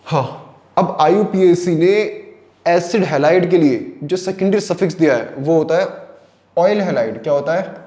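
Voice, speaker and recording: Speaking a little slowly in a fairly high, darkish voice with a roomy sound, a man gives a chemistry lecture. He asks questions and answers them himself, repeats key terms, and mixes English terms into Hindi.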